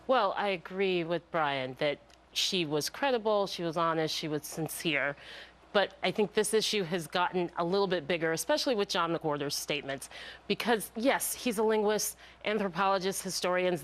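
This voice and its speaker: A woman's voice: on the low side, moderate pace, low-quality recording. A woman speaking as a political commentator in a live TV debate, firm and emphatic, building her points in lists. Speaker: political strategist, debate guest.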